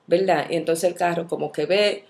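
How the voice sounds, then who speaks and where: A woman teaching a Bible study, telling a personal story in a candid, expressive way and acting out the dialogue as she goes. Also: fairly low pitch, moderate pace, vocal fry. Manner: candid, self-reflective.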